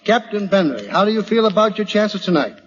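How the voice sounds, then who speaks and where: A man's voice: high-pitched, big pitch swings, brisk. A man with an American accent hosting a 1940s radio quiz in a jovial, chatty manner. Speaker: quiz show host. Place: large hall at a live radio broadcast. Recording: dull old radio recording, hall reverb, hiss.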